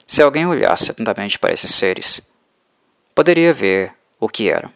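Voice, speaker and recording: A man reading an audiobook in an even, measured way. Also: lowish voice, gravelly, dry recording. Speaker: audiobook narrator. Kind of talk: scripted narration.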